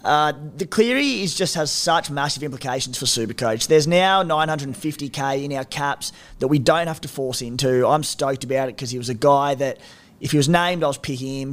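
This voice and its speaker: A man's voice: mid-range voice, brisk. An Australian man co-hosting a sports podcast, chatting casually in a broad, slangy, blokey way. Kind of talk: casual fantasy rugby league chat.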